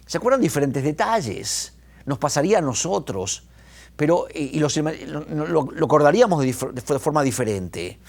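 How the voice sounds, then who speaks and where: Man, pastor, animated sermon, restarts mid-sentence. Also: on the high side, normal speed, vocal fry. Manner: animated, retells scenes with quoted voices, restarts.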